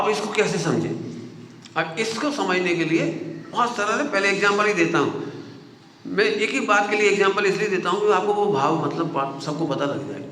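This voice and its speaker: A man from Bundelkhand giving a religious discourse, lively and putting questions straight to his listeners. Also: sits high. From Bundelkhand, India. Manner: animated, questions the audience directly. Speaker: Jain scholar giving a discourse. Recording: roomy hall with long reverb, faint noise.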